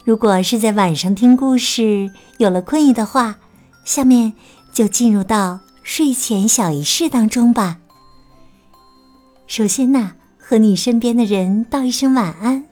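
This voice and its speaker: Slow, soothing woman as sleep story narrator. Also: on the high side, mellow. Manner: soothing, addressing young children as darlings. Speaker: children's storyteller and teacher. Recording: music behind the voice. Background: music.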